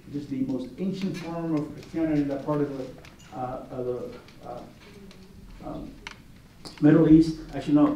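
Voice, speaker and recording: A man talks his way through the works on show as a competition juror, stopping and restarting as he drifts into stories. His voice sits a little high but sounds mellow. He is heard from a distance in a very echoey gallery with faint background noise. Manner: rambling, many restarts and asides, anecdotal. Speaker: art competition juror giving a gallery talk. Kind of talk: informal gallery talk. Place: art gallery. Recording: roomy echo, distant mic, faint noise.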